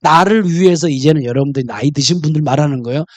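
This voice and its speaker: A man's voice: a little high, quick pace, no room sound. A man preaching a sermon in church, mixing jokes and stories into his message. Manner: humorous, storytelling. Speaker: pastor.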